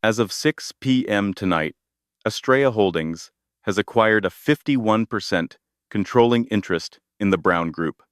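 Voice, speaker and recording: A man voicing a cold, commanding woman executive taking her revenge, speaking in a calm, measured way. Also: lowish voice, clean tone, no echo, studio quality. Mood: cold authority.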